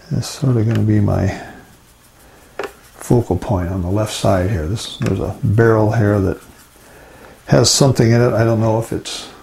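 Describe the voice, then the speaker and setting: Gravelly older man, gentle painting instructor. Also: a little hiss or hum. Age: 60s or older. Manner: gentle, low-key, musing step by step as he works. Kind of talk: unscripted watercolour demonstration, talking while painting. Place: indoors at a painting easel.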